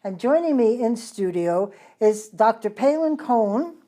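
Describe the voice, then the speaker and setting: A woman's voice: fairly high pitch, animated, measured pace, warm tone. A woman hosting a community interview show, introducing her guest and asking short questions. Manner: brief encouraging interjections. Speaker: host.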